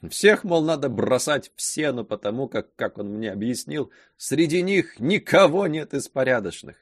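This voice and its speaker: A man's voice: medium pitch, expressive, normal speed, no echo, studio quality, voice pushed up, close to an everyday voice. A man reading aloud voicing a chatty young market girl who gossips eagerly. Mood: eager chatter.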